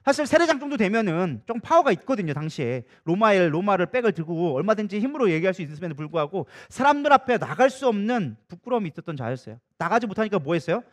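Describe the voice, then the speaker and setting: A man who serves as co-senior pastor preaches in a lively, conversational style, acting out the voices of the people in his story. His voice sits high, and he talks fast with hardly any pauses.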